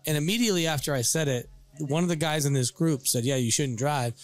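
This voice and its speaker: A man casually telling a story on a podcast, animated, swearing freely and acting out what people said. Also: fairly high pitch, quick pace. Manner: animated, swears freely, acts out quoted lines. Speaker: podcast storyteller, bar worker.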